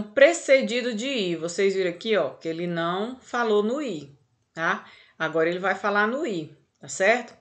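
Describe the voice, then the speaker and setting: Slow, patient Brazilian woman teacher. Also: mid-range voice, a bit bright. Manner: patient, checks often with "tá?". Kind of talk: online grammar lesson.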